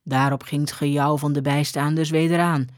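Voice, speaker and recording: A woman reading an old-fashioned story aloud in a measured, deliberate way. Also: sits low, little pitch movement, dry recording, clean studio sound. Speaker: reader.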